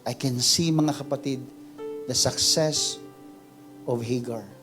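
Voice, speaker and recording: A man preaching an emotional sermon in a church, building from quiet reflection to loud, drawn-out cries. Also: mid-range voice, over music. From Philippines. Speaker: pastor. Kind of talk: impassioned sermon mixing Tagalog and English. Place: church service before a congregation.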